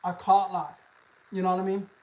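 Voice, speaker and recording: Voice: medium pitch, level tone, fairly quick, warm tone, poor audio. A livestream host, chatting casually in an informal, slangy, sweary way and often repeating phrases. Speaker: livestream host, animal content creator.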